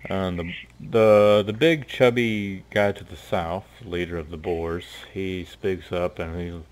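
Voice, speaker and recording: A man narrating as game master of a tabletop game in a relaxed, hesitant way, with many fillers. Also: deep voice, slow pace.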